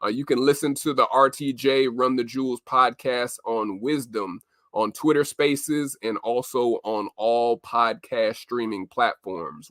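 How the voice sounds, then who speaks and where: Bright-voiced male podcast host, dry sound. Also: medium pitch, no echo. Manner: frequent "uh" fillers, upbeat shout-outs.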